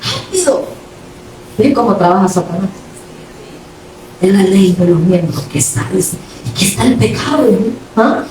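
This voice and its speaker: A woman preaching a lively sermon in a church hall, playful and dramatic, acting out everyday scenes and calling her listeners brother. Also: mid-range voice, moderate pace, pauses often, noisy background. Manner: addresses the congregation directly as brother. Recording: echoey hall from far off.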